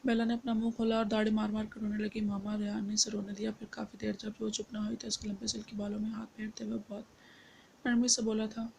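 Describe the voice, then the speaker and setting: A woman reading a romance novel aloud in steady, even narration. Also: mid-range voice, fast talker, creaky, slight background noise. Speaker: novel reader.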